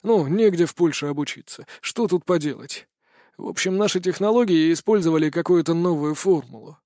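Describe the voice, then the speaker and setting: A man voicing a cruel older male high councillor who sneers and rasps as he tells his story. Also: fairly quick, mellow, no echo, studio quality, natural voice. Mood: sneering. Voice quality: rasping, scornful.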